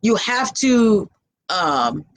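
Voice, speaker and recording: A woman's voice: mid-range voice, big pitch swings, extremely slow. Emphatic woman guest sharing life advice. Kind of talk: conversational motivational talk.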